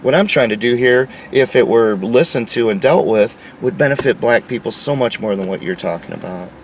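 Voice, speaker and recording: A man's voice: medium pitch, animated, fairly quick, recorded from a distance, a little hiss or hum, poor audio. A man delivering an insistent, lecturing opinion monologue. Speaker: commentator.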